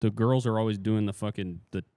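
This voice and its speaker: A young man co-hosting a podcast, joking in a deadpan way and swearing casually. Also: fairly low pitch, brisk, no echo. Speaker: podcast co-host. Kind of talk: casual banter.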